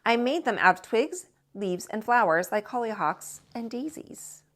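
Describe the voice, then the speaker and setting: A woman voicing a storybook grandmother who reminisces in a measured, nostalgic way. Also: fairly high pitch, expressive, fairly bright tone. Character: grandmother reminiscing about homemade childhood toys.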